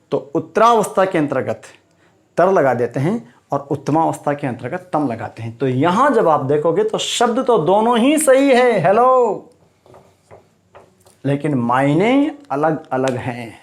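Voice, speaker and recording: A man's voice: on the high side, big pitch swings, a little slow. A man teaching a grammar lesson, stressing each term, repeating it and quizzing the viewer.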